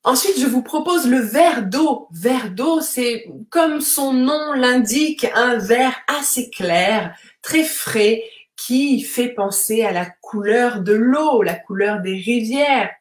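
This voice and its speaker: A woman's voice: fairly high pitch, lively intonation, takes it slowly. A woman French teacher hosting a live-streamed vocabulary lesson, explaining patiently and greeting viewers from the comments, with frequent fillers and tag questions. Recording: roomy echo.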